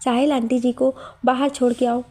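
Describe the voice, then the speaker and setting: A woman's voice: high-pitched, flat delivery, normal speed, dark tone. Woman doing a bossy, sarcastic young woman. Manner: scolding, mocking.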